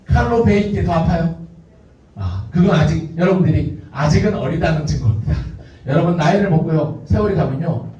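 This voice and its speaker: Lively pastor preaching in echoey hall. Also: male voice, fairly high pitch, a little fast, recorded from a distance. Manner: lively, acts out nagging and taunting voices. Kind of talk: youth sermon. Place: church hall. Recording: echoey hall, muffled from afar.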